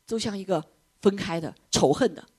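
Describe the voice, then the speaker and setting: A middle-aged woman preaching a sermon, switching between loud exclamations and hushed whispers. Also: medium pitch, moderate pace, breathy edge.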